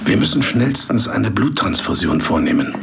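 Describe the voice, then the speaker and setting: An actor playing a learned, gallant old Dutch professor in a radio play, speaking in a courtly, measured way. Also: male voice, lowish voice, sing-song, gravelly, heavy background noise, heavily acted. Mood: grave. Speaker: Professor van Helsing.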